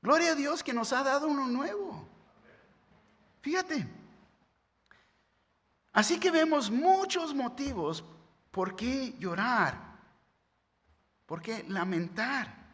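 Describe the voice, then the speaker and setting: A pastor with an extremely high, slightly bright voice preaches a sermon conversationally, often tacking on "right?" as a tag question. The recording has long hall reverb.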